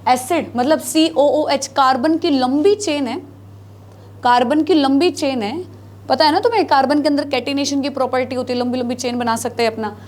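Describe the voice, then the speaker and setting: High-voiced woman teaching biology at a board. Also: moderate pace, a little mellow. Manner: asks the students questions and answers them herself; repeats key terms, mixing Hindi with English. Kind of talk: classroom lecture at a board. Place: classroom, writing on a board.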